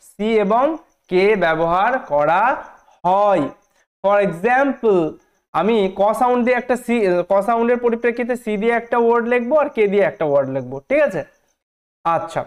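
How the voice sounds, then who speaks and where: A man teaching a spelling lesson, repeating points and asking the class questions. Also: sits high.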